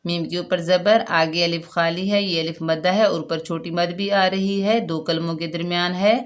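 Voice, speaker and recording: A woman leads a Quran recitation lesson. She explains each rule patiently and repeats it. When she demonstrates, she draws the syllables out slowly and deliberately. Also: on the low side, fairly even intonation. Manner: slow, drawn-out syllables when modelling recitation.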